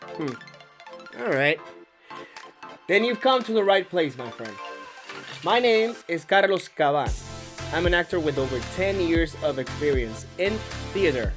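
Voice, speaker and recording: A native Spanish speaker with a Spanish accent gives a casual diction lesson to camera in conversational English, stretching words for emphasis and stumbling now and then. His voice is on the high side with lively intonation, and he keeps a measured pace with frequent pauses over faint background music.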